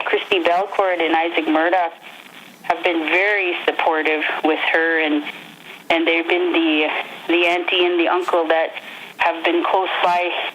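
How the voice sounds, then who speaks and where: A woman's voice: lowish voice, a bit bright. A woman speaking earnestly as an interviewed mother, reflective, with frequent restarts, heard over a faint noisy phone line.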